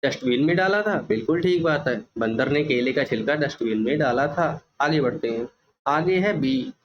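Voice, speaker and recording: A man walks children through an English workbook, his voice a bit high for a man. He spells and repeats each word slowly and patiently. The recording is muffled, with a faint hiss behind him. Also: lively intonation. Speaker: teacher.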